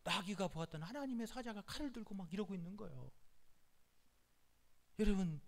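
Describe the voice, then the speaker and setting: Male pastor, sermon, high voice, emphatic, repetitive, frequent hallelujah calls. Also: expressive, fairly quick, gravelly.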